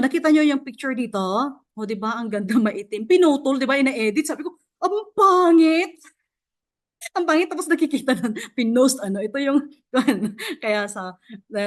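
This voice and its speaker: Chatty woman mentor. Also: fairly high pitch. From Philippines. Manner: chatty and encouraging, addresses listeners directly; halting, with frequent fillers and restarts. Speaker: mentor sharing her success story. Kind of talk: casual motivational talk to an online audience. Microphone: off camera, online session mic.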